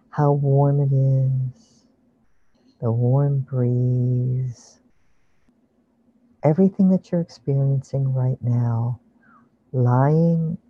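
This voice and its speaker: Online meditation guide: slow, soothing, hushed delivery, medium pitch, dry but dull lo-fi recording. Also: no echo. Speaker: relaxation guide leading an online session. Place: online video call with screen sharing.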